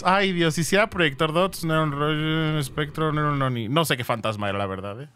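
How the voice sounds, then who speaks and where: A man's voice: on the high side, fast, fairly bright tone, slight background noise. A man streaming a ghost-hunting game, chatting with viewers and thanking them, with dramatic exclamations. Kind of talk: live game stream with chat.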